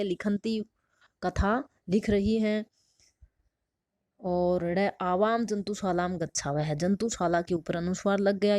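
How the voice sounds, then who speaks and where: A woman's voice: fairly low pitch, a little mellow, no room sound, clean studio sound. A woman teacher patiently explaining a textbook lesson, asking questions and answering them herself. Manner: patient, asks and answers her own questions.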